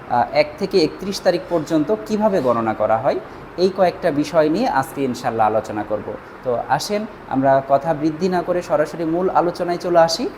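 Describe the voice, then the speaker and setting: A man's voice: fairly high pitch, a little hiss or hum. Man teaching a Japanese lesson. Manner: stops often with "ah" fillers; says Japanese words slowly and louder, then repeats them. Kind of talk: online language lesson.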